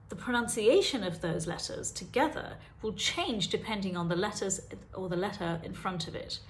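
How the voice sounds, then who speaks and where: A woman, a dyslexia specialist, explaining spelling and reading directly to the viewer in a teaching video. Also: a little high. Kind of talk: talking-head teaching video.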